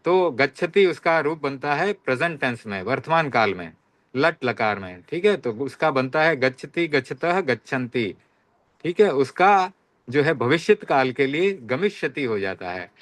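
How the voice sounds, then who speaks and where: A man teaching a Sanskrit class, reciting verb forms one by one in slow, repeated drills and often checking that students follow. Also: mid-range voice, big pitch swings, dry recording. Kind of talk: online class lesson.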